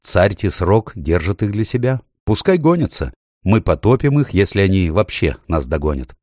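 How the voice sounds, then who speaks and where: A man voicing a confident young king in a storybook, speaking in an assured, brisk way. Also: sits low, very animated, darkish tone, no room sound, studio quality.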